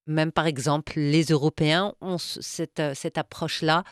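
A woman's voice: sits low, steady tone, normal speed, no room sound, clean studio sound. A woman interviewer asking long, searching questions and often repeating words as she builds them.

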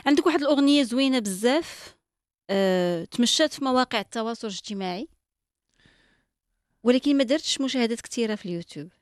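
A female interviewer with a Moroccan accent asking probing questions with quick follow-ups. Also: a little high, lively intonation, no room sound, studio quality.

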